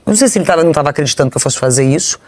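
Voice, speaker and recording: A woman's voice: low-pitched, animated, darkish tone, slightly rough. Woman telling her story in a rush. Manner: halting, restarts sentences, recounts vividly. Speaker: interviewee. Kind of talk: emotional personal account.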